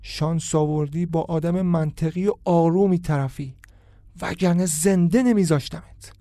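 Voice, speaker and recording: A man's voice: a little high, mellow, no echo, studio quality, lightly acted. A man voicing a bitter, jealous young man who speaks coldly and with contempt. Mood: threatening.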